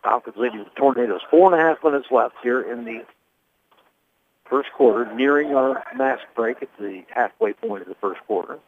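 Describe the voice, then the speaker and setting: A man doing radio play-by-play of a basketball game, calling plays fast and reading sponsor spots. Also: medium pitch, a little hiss or hum. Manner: rapid calls with read sponsor spots. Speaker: play-by-play announcer. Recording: tinny phone-like radio broadcast.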